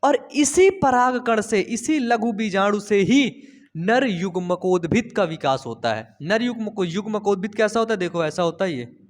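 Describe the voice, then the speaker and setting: A man's voice: sits high, lively intonation, moderate pace. A young man teaching a biology lesson in a chatty, coaxing way, repeating key terms and asking his students questions. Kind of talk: Hindi classroom-style lesson.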